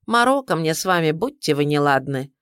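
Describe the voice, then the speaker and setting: A man's voice: fairly high pitch, big pitch swings, brisk, fairly bright tone, smooth, dry recording. A grumbling old-fashioned doctor scolds his patient with theatrical exasperation, as a male narrator does his voice. He frets more than he threatens, in a storybook. The reading is dry and close to the mic. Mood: exasperated.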